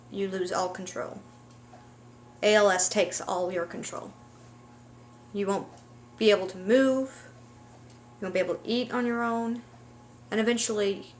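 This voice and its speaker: A woman's voice: medium pitch, a little hiss or hum. A woman vlogger talking casually to camera in a personal, unscripted way.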